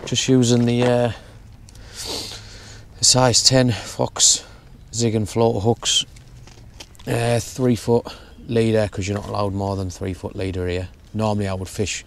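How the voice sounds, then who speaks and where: A young man explaining his fishing setup in a relaxed, step-by-step way while outdoors at a lake. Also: fairly low pitch, a little slow, creaky. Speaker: fishing vlogger. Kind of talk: casual how-to narration. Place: outdoors at a lakeside bank.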